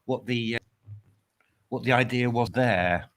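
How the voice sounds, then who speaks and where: A man's voice: mid-range voice, a little slow, a bit bright. A man commentating live on a chess game in a casual way, hesitating with lots of fillers and restarts.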